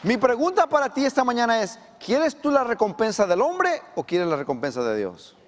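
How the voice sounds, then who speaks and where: A pastor delivering a sermon in a high, ringing voice that carries a long reverb through the church sanctuary. He preaches with animation and pushes his voice upward and louder to stress his points. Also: moderate pace, some chatter behind, a little hiss or hum. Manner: animated preaching, voice climbs for emphasis.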